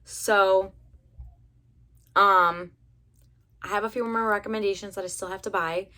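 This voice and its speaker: A young adult woman from the United States with a raspy voice, rambling chattily through a casual hair color review. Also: mid-range voice, steady tone, measured pace, pushed and bright. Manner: rambling, chatty, many fillers. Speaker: beauty vlogger.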